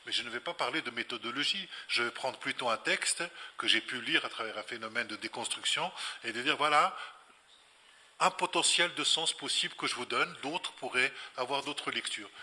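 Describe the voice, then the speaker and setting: Answering spontaneously at a public lecture, an invited male scholar explains reflectively and instructively, restating phrases for emphasis. He speaks at a moderate pace in a bright, forceful mid-range voice with a breathy edge, in a hall full of reverb.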